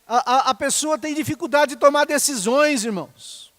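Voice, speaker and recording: A man's voice: very high-pitched, normal speed, a bit bright, no room sound. A middle-aged man preaching a sermon in a conversational way, often checking in with the congregation. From Brazil. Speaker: pastor.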